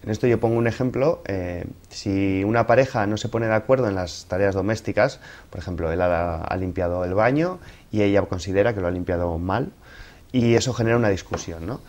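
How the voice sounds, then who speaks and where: Low-voiced man explaining as a guest expert. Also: fairly quick, darkish tone. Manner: didactic, explains through examples. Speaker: expert guest giving relationship advice. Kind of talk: explanatory interview talk.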